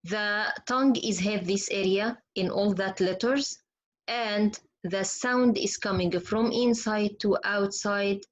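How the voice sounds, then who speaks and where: A woman's voice: mid-range voice, rough recording. A woman whose first language is Arabic, teaching Quran pronunciation in an online lesson and demonstrating letter sounds patiently.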